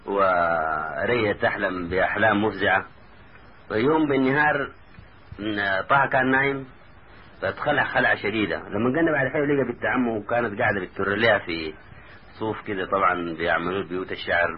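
A low-pitched man with a Sudanese Arabic accent narrates an old folk tale, dropping into measured, chanted rhymed verse. The recording is narrow and phone-like, with a faint hiss underneath, like an old radio broadcast. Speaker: storyteller. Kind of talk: oral folk storytelling with recited verse.

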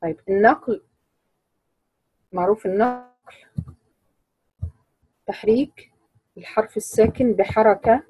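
A woman teaching a Quran recitation class, explaining rules in a measured way and quizzing her students. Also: fairly high pitch, a little mellow, dull audio.

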